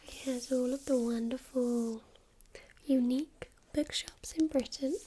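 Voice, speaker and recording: A woman performs a whispered role-play as a friendly librarian. Her hushed library whisper is slow and gentle, with a soft, dark tone. It is captured close to the mic over faint background noise. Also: sits high, steady tone. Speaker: friendly librarian recommending books.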